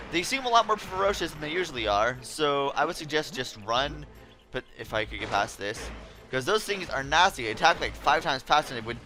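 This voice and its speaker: A man giving casual, chatty game commentary as a let's play host, wry and easily annoyed. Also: a little high.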